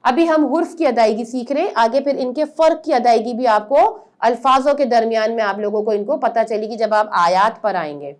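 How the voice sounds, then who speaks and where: High-pitched woman teacher going over letter sounds, patient, drags each sound out slow. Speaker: Quran reading teacher. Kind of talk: step-by-step pronunciation lesson.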